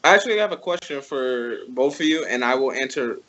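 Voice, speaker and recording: A man's voice: mid-range voice, expressive, fairly quick, bright, forceful tone, muffled recording. A man in a casual chat who asks the others questions and teases them.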